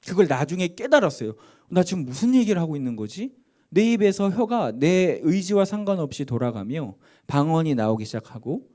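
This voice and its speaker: Lively Korean pastor telling a testimony. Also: male voice, on the high side. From South Korea. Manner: storytelling testimony with dramatic acted quotes; swings between soft asides and loud emphatic peaks. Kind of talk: sermon.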